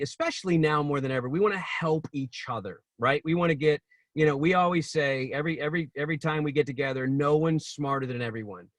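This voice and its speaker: A man's voice: fairly high pitch, a bit bright, dry recording. A man hosting a talk, speaking in an earnest, exhorting way and repeating words for emphasis. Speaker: talk show host. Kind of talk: motivational talk to business peers.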